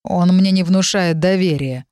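A woman's voice: on the low side, a little slow, a little mellow, no echo, studio quality, natural voice. A woman voicing a proud, touchy dragon. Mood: suspicious. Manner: growling, suspicious, touchy. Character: proud grumpy male dragon inside her head.

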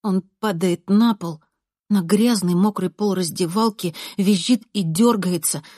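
A woman narrating a first-person audiobook in a calm, measured way. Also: mid-range voice, no room sound, clean studio sound.

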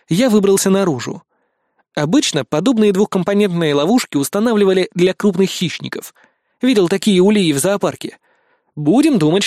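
A man reading a first-person audiobook in a wry, steady storytelling manner into a close studio mic. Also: sits high, no room sound. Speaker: audiobook narrator.

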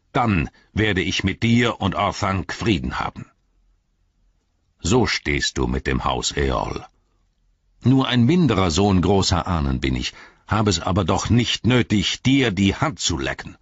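A man's voice: deep voice, animated, measured pace, breathy edge, no room sound, lo-fi sound, heavily acted. A man voicing a proud aging king who speaks sternly and accusingly. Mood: defiant.

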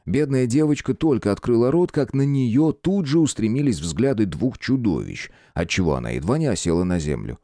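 A man narrating a fantasy audiobook in an expressive, dramatic reading. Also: mid-range voice, normal speed, hardly any pauses, no echo, studio quality.

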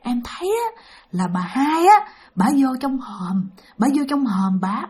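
A woman voicing a frightened, timid little girl who pleads in a high, whiny voice. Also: very animated, measured pace, darkish tone, slightly rough, exaggerated voice. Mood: frightened hush.

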